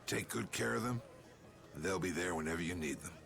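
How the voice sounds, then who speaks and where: A gravelly, low-voiced old guild leader in a video game, gruff and commanding. He speaks with blunt, weighty, grandfatherly authority over prominent background music. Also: a little fast. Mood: fatherly, firm. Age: older. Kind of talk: dramatic video game dialogue. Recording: game audio with loud music.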